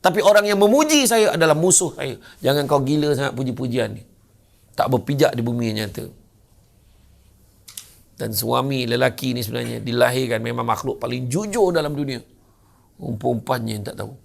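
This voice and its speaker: An older man with a Malaysian Malay accent gives a lighthearted religious talk. He spins everyday stories and slips into the voices of the people in them. His mid-pitched voice carries a gravelly edge. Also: fairly quick. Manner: lively storyteller who acts out characters. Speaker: religious lecturer. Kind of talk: humorous sermon. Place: lecture venue.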